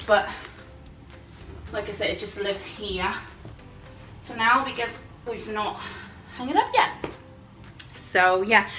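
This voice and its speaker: Tidying a small home's bedroom and hallway, a UK woman in her thirties chats to viewers through a handheld phone camera held at arm's length. She's a home cleaning vlogger who rambles with friendly asides, in a mid-range voice with a sharp tone.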